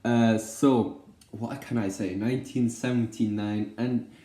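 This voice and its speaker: A young Belgian film vlogger, Dutch-speaking by birth, talks loosely about movies, stumbling over fillers and self-corrections and throwing in jokes. His fairly low, dark voice keeps a measured pace with fairly even intonation, and the space is reverberant.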